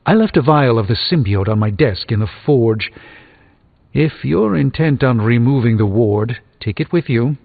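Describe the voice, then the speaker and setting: An actor playing an erudite, wry sorcerer doctor in a video game, articulate and formal with a slightly pompous, dry wit. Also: male voice, mid-range voice, lively intonation, normal speed, creaky. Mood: measured, confiding. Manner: articulate, formal, dryly witty. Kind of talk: scripted video game character dialogue. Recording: tinny band-limited game audio over music.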